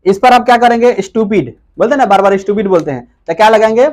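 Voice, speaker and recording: A man teaching English grammar in a classroom-style lecture, who keeps asking questions and answering them himself and repeats key words slowly. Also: sits high, expressive, darkish tone.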